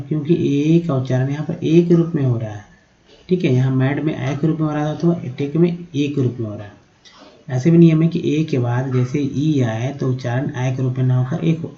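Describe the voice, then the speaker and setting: Very dark-voiced man teaching phonics. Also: mid-range voice. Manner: explains letter by letter, repeating sounds and asking "है ना?". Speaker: English teacher. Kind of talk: Hindi-language phonics lesson. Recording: dull lo-fi recording.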